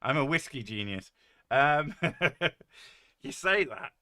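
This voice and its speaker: A streamer host with a deep, boomy, bright, forceful voice chats from home, joking, rambling, and cursing now and then. He's very animated but slow, and since his desk mic sits well above his head, he sounds a bit distant from it.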